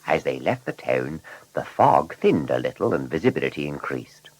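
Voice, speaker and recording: A man narrating a children's story in an animated, scripted storytelling manner. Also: a bass voice, moderate pace, slightly rough, no echo, rough recording.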